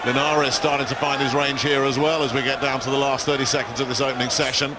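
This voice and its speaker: A man's voice: medium pitch, level tone, quick pace. A man giving live boxing commentary. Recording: live arena broadcast, very loud crowd noise.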